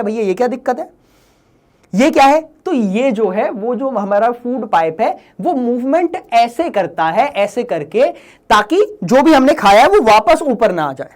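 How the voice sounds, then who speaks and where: A man's voice: very high voice, sing-song, moderate pace. A male teacher giving an exam-prep lesson in a joking, teasing way. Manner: joking, playful, teasing students. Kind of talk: exam-prep lesson in Hindi-English mix.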